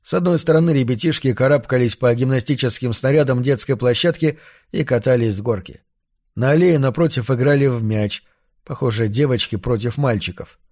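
Male audiobook narrator, measured, even, medium voice, dry close sound. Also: mid-range voice, no echo.

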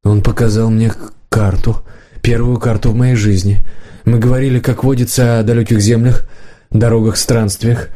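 A man voicing a guarded, earnest young man who speaks quietly and carefully, in an audiobook reading. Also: mid-range voice, little pitch movement, moderate pace, close to an everyday voice.

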